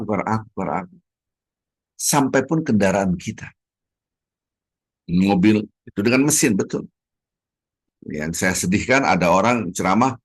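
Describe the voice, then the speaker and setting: A middle-aged man from Indonesia giving a dawn sermon in a mosque, lively and dramatic, acting out small dialogues and jumping between loud exclamations and soft asides. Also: lowish voice. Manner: acts out little dialogues in sermon. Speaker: preacher.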